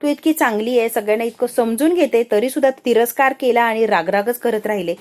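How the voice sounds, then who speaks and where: A woman's voice: on the high side, a little fast, natural voice. A woman voicing a remorseful, middle-aged female relative who speaks earnestly. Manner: earnest, insistent.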